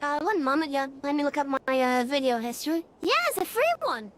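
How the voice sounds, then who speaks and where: A woman's voice: sits high, animated, a little fast. A streamer in casual, rambling chat with many fillers, her voice run through an AI voice changer. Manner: rambling, chatty, frequent fillers.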